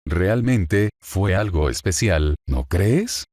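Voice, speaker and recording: A man's voice: deep voice, expressive, slow pace, darkish tone, no room sound, clean studio sound, exaggerated voice. A mocking female fallen angel, read by a man. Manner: mocking, gloating. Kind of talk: fan story reading.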